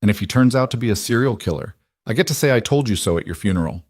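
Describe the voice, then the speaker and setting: A man's voice: mid-range voice, animated, fast, a little mellow, no echo, studio quality, close to an everyday voice. A man voicing a young woman roommate who teases and worries about her friend. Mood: teasing.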